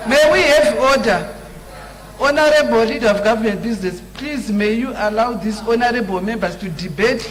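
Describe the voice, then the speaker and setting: A parliamentary speaker presiding over a debate, shouting to call the chamber to order. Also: medium pitch, normal speed, rough recording. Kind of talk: calling a legislature to order. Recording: loud shouting crowd in a chamber. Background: rowdy heckling legislators.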